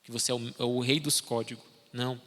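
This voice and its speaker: A young man preaching a sermon, emphatic, pushing his pitch up to exhort and dropping low to drive points home. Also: little pitch movement, fast, fairly bright tone. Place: church hall. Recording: long church reverb.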